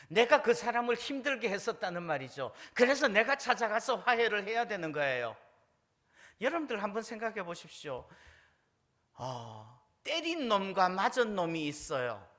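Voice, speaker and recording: A man's voice: high-pitched, fairly bright tone. A male pastor preaching a sermon in a church, asking the congregation questions and acting out prayers with rising force. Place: church sanctuary.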